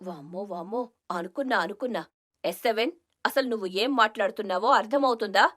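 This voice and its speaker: A woman voicing a stern, loyal male alien in an animated story, in a put-on deep voice, earnest and scolding. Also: a little fast, natural voice. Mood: alarmed. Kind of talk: storybook cartoon voice acting.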